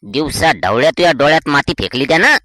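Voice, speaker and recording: A man's voice: a little high, expressive, quick pace, bright, forceful tone, no room sound, clean studio sound. A man voicing a scolding village husband. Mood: exasperated. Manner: exasperated, scolding.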